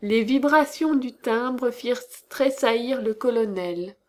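Slow-paced woman narrating a novel. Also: fairly high pitch, darkish tone.

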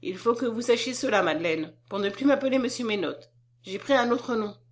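A woman reader gives voice to a tired, downcast peddler. He speaks gently and quietly, resigned to his fate. The delivery is subdued and sorrowful throughout. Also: a little high, a little fast, close to an everyday voice. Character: weary, wrongly accused peddler man. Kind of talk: audiobook character reading.

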